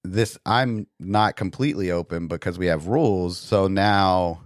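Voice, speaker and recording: A middle-aged man with a very deep voice talks in a relaxed, casual way. He thinks aloud as he shares his own story. The room sounds dry and close. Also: unhurried, no echo. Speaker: podcast host. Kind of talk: casual discussion.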